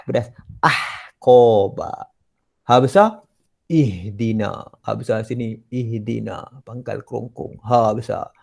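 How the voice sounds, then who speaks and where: A man with a Malaysian Malay accent teaching Quran recitation in an online class, patiently correcting students line by line and modeling slow recitation. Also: mid-range voice, gravelly, a little mellow.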